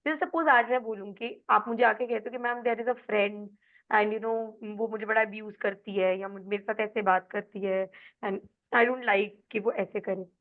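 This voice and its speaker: A woman's voice: medium pitch, normal speed. A woman life coach with an Indian accent, giving a motivational talk and mixing in English, acting out her clients' words. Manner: animated, acts out quoted voices of clients. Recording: tinny phone-like sound.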